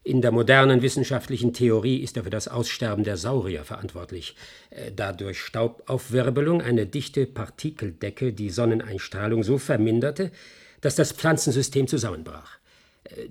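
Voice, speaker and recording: In a German radio play, an actor portrays a sharp, persistent male investigator. He explains things in a measured, insistent way, his mid-range voice slightly husky.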